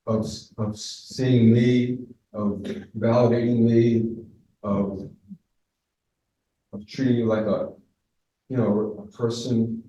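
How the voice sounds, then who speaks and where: A man, a former student, giving a spoken memorial tribute in a halting way, searching for words with many fillers. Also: mid-range voice, flat delivery, dark tone. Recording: very echoey, distant from mic.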